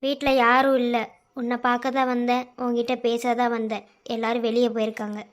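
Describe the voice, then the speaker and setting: A woman's voice: fairly high pitch, flat delivery, fairly quick, natural voice. A woman voicing a young man in a cartoon love story, urgently pleading with the girl he loves to confess her feelings. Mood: insistent.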